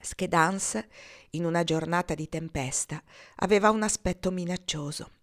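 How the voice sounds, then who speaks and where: A woman reading a translated memoir aloud as audiobook narration, with slow, dramatic pauses. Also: lowish voice, a bit bright. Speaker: reader.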